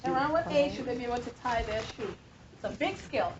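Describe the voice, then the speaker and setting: A woman in her fifties giving a lively classroom lecture, quizzing her students as a nursing instructor. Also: a little high, brisk. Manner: animated, questioning the class. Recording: dull lo-fi classroom recording with faint noise.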